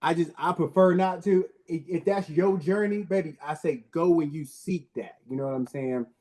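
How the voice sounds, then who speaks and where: A man's voice: fairly high pitch, normal speed, darkish tone. A man on a discussion panel speaking in a laid-back way, restarting sentences and swearing casually.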